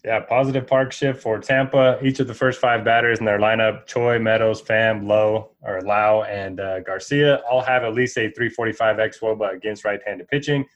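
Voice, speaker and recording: A man co-hosting a casual sports podcast, giving steady, matter-of-fact analysis. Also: lowish voice, normal speed, few pauses. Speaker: co-host. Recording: dull lo-fi audio.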